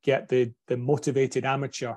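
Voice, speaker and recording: This is a man with a broad Scottish accent in a conversational podcast discussion. He speaks in a measured, reflective manner at a middling pitch. He tends to build his points step by step in lists. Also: flat delivery, a little mellow.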